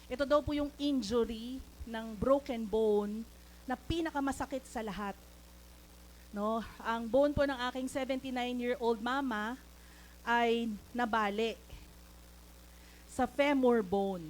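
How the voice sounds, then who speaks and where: A woman's voice: a little high, slow pace, long pauses, slight background noise, rough recording. A woman with a Filipino accent preaching a sermon in church, mixing English into her talk and calling for amens. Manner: mixes English into Tagalog, calls for amens. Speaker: lay preacher.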